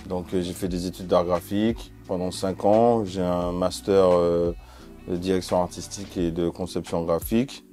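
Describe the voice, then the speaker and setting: A man from Martinique, a music video director, chatting casually as a guest with many pauses and restarts. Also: sits low, flat delivery, warm tone. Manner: hesitant, many fillers and restarts. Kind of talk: relaxed interview chat.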